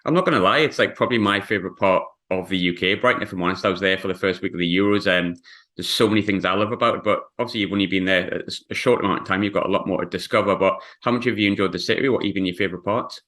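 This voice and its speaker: A man hosts a conversational podcast interview. He speaks rapidly, in a slightly low-pitched voice, putting questions to his guest in an informal way. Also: a bit bright. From North East England. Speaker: podcast host.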